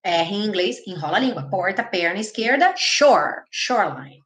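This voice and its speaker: A Brazilian woman runs a live English class online, talking quickly and lively between slow, careful repetitions of sample phrases. Her voice sits at an ordinary middle pitch for a woman. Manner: lively, explains pronunciation and models phrases slowly. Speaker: English teacher.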